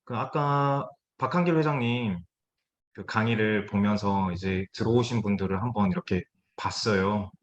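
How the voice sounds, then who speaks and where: Man giving a business talk over lo-fi call audio. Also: on the low side. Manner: conversational, many hesitation fillers. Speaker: guest speaker. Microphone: video call. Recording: dull lo-fi video call audio.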